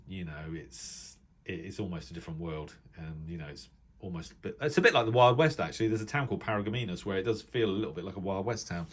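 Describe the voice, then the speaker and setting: A radio hobbyist vlogger reviews a reference book in a casual, informal way, thinking out loud, rambling through explanations, and correcting himself as he goes. His voice is low-pitched and husky, with a fairly bright tone.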